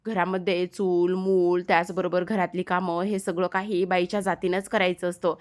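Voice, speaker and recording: A woman's voice: fairly low pitch, flat delivery, normal speed, natural voice. A woman voicing a stern, traditional village mother who speaks firmly and scolds. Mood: lecturing. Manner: firm, scolding.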